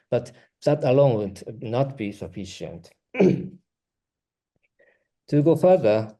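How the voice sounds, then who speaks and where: This man speaks with a Japanese accent and has Japanese as his first language. Presenting a prepared academic talk as a researcher, he reads with care and short pauses, his mid-range voice warm in tone.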